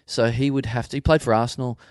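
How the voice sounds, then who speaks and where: A man's voice: mid-range voice, fast talker, no echo. Man, casual podcast co-host, swears freely, laughs easily, dry studio sound. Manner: animated, swearing, laughing often. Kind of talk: casual banter.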